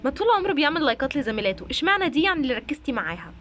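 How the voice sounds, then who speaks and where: A woman voicing a calm young woman doll who soothes and reasons, with an Egyptian Arabic accent. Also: high voice, very fast.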